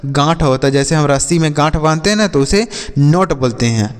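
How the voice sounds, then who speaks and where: Male teacher, a little high-voiced, asks questions and answers them himself, reverberant room. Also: brisk, clean tone. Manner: spells words letter by letter and answers his own questions; addresses viewers as friends. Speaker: English teacher. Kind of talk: classroom-style lesson.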